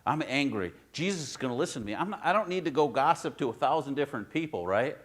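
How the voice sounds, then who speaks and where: A male pastor giving a sermon in his own church, talking to the congregation like a conversation. He pushes some phrases out loud and high, then drops to near-quiet asides. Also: lively intonation, quick pace. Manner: conversational preaching, swings between loud emphasis and quiet asides.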